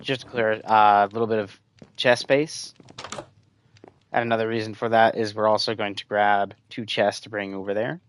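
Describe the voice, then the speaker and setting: Low-voiced man chatting while gaming. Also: level tone, normal speed, a little hiss or hum. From United States. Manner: rambling, chatty, addresses viewers as guys. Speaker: gaming streamer. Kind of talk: casual gameplay commentary.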